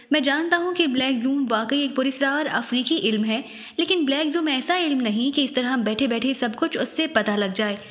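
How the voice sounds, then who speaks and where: A woman's voice: high-pitched, a bit bright. Woman voicing a cold stern army major. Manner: cold, commanding. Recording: long hall reverb.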